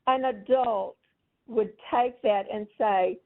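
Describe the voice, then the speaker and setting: Stern woman heard over a phone line, higher voice, tinny sound, lecturing tone. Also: takes it slowly, gravelly. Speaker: prank call target. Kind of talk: phone argument.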